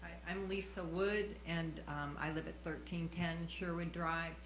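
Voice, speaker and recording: Even-toned woman in an echoey room. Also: lowish voice, a little slow. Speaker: resident speaking at public meeting. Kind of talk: public comment. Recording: echoey room with faint hum.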